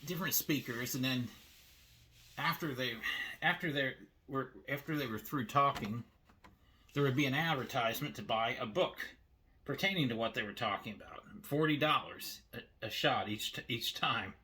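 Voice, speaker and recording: In poor audio with faint background noise, an older man shows his cassette tapes at home, his medium-pitched voice bright and forceful at a moderate pace. The casual show-and-tell rambles as he keeps repeating himself and restarting words.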